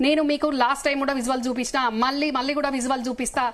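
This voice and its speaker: A woman's voice: high-pitched, fairly even intonation, very fast. A middle-aged woman with a Telangana Telugu accent, a guest in a heated live TV debate, firing off emphatic, accusing rhetorical questions.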